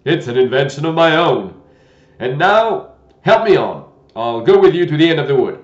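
A man voicing a gentle, fussy old knight who talks loudly and fretfully. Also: a little high, very animated, normal speed, voice pushed up. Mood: fussy eager. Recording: dull lo-fi roomy recording.

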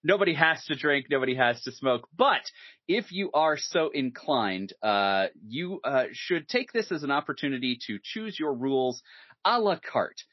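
Animated man hosting, lots of filler. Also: mid-range voice, moderate pace, dry recording. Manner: animated, hesitant with many fillers, laughs easily. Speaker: podcast host. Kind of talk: casual podcast chat. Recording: dull lo-fi sound, dry.

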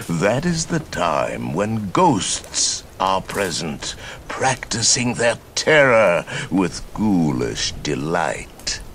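Deep, sinister villain narrator, slow and theatrical. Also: male voice, a bit bright, a little hiss or hum, heavily acted. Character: sinister ghostly narrator, grandly welcoming doomed mortals. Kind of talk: gothic haunted attraction narration.

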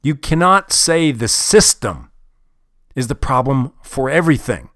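Blunt, profane motivational speaker. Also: male voice, mid-range voice, lively intonation, unhurried, a bit bright, no echo, clean studio sound. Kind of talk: motivational talk.

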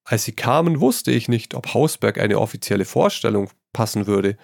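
A man's voice: lowish voice, normal speed, creaky, no echo, clean studio sound. A man reading a story aloud, voicing a witty, worldly painter who teases his friend and tosses in French phrases. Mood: teasing. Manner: lively, amused, tossing in French phrases. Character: witty amused male painter, worldly and teasing.

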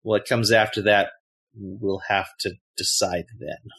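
Low-voiced male tabletop player. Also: steady tone, slow, vocal fry, fairly bright tone. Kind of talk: casual role-play narration.

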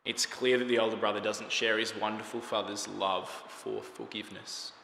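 A man's voice: lowish voice, level tone, normal speed, gravelly, bright, forceful tone, a little hiss or hum. A man preaching a sermon in a conversational way, asking the congregation questions. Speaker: pastor. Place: church hall. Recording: echoey hall with faint ambience.

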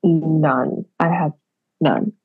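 Young woman from Hong Kong, podcast guest; lowish, husky voice, measured and thoughtful with many "um" pauses. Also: narrow, tinny audio. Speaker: percussionist guest. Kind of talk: casual podcast interview.

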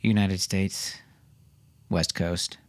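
A man's voice: sits low, flat delivery, very slow. A man as a weary, joking soldier dad. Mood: patient. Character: weary, good-humored soldier father.

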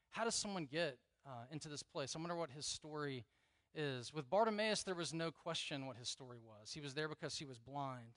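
A man's voice: fairly high pitch, dry recording. Earnest conversational man preaching a sermon. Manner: conversational, earnest preaching with quiet emphatic repeats. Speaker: pastor.

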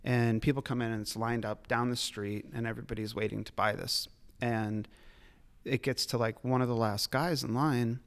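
At a moderate pace and with fairly even intonation, a medium-pitched man chats as a guest on a casual podcast. A liquor store retailer by trade, he tells rambling stories, laughing often and swearing.

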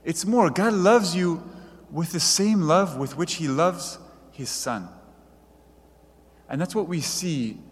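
A man preaching a sermon in an earnest, measured way, reading quoted passages aloud. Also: a little high, in a large hall.

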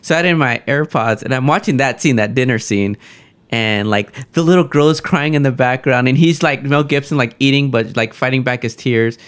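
A man's voice: mid-range voice, fairly quick. Enthusiastic man gushing about a film. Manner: enthusiastic, animated storytelling. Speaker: podcast co-host. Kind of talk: casual movie discussion.

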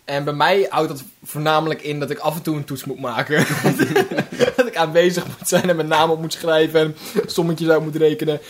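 A young man chatting casually as a podcast co-host. His voice sits a little higher than most men's, and he talks in a hesitant, self-deprecating way, breaking into laughs between his sentences. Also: fairly even intonation, a little fast. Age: young adult. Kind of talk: casual chat.

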